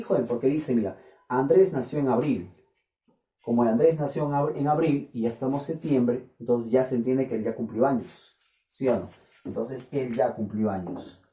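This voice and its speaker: A Peruvian man with a mid-range, mellow voice teaches math, speaking Peruvian Spanish. He keeps asking questions and checking in with his students during the lecture. He is recorded from a distance in an echoey classroom.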